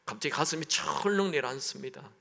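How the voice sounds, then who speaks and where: A man's voice: on the high side, fairly quick, creaky, sharp tone. A man, a pastor, preaching a sermon in a church sanctuary, talking in a conversational way and asking the congregation questions. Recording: long echo of a large hall.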